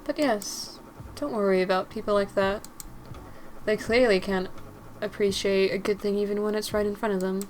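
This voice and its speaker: Woman putting on a soft-spoken British gentleman. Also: medium pitch, fairly even intonation, slight background noise, lightly acted. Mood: kind. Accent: put-on British. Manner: soft-spoken, courteous, measured.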